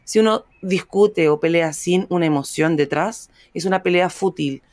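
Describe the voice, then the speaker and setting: A woman's voice: fairly low pitch, normal speed, darkish tone, dry recording, clean studio sound. A Chilean woman co-hosting a podcast in casual chat, outspoken and swearing freely, acting out what others say. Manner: outspoken, swears freely, acts out quoted lines. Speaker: podcast co-host.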